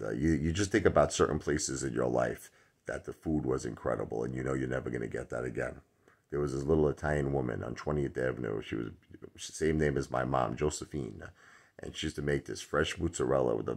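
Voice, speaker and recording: Very deep gravelly New man. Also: a little mellow. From Brooklyn, New York. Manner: rambling, chatty, many fillers. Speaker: stock vlogger. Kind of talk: casual chat to camera. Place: dark indoor room. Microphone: phone at arm's length.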